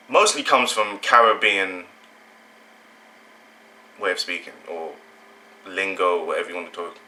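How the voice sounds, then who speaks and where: A man's voice: deep voice, bright, forceful tone, a little hiss or hum, low-quality recording. A young British man from England hosting his channel, talking through an opinion in a casual, rambling way and often correcting himself. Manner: rambling, self-correcting, conversational. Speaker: channel host.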